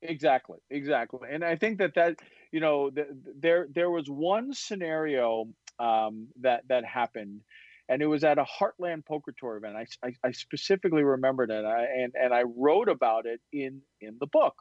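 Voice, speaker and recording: A man and poker author telling a story in an interview, animated and full of restarts. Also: medium pitch, normal speed, no echo, highs cut off. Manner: animated, acts out quoted voices, stammering restarts.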